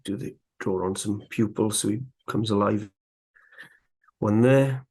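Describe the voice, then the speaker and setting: Low, flat-voiced man teaching woodcarving. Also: measured pace, breathy edge. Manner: relaxed, chatty, talks while working. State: slightly out of breath. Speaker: woodcarving instructor. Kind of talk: live carving tutorial.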